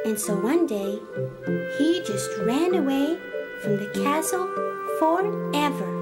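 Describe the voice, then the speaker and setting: Woman as Kina, very high-pitched earnest young girl. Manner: wide-eyed, expressive storytelling. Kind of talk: children's audio drama acting.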